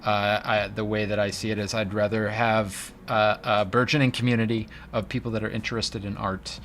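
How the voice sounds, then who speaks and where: A man's voice: on the low side, little pitch movement, normal speed, a bit bright, a little hiss or hum. A man hosting a casual livestream, chatty and joking, reading chat aloud. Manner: chatty, joking, drops into silly voices. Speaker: livestream host.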